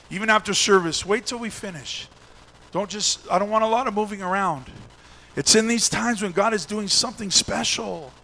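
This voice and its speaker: High, bright-voiced male pastor preaching. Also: poor audio. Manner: builds from hushed storytelling to shouted exhortation. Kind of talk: sermon.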